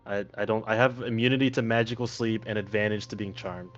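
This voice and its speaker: A man's voice: lowish voice, fairly even intonation, quick pace, dull audio, soft background music. A man talking casually as a player in a tabletop role-playing game.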